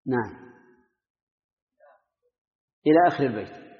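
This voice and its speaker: A man's voice: mid-range voice, animated, unhurried. An older man teaching a class, drilling pronunciations aloud and quizzing his students by name. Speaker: Islamic scholar teaching a class. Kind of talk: classroom lesson with questions to students. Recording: dull lo-fi recording in an echoey hall.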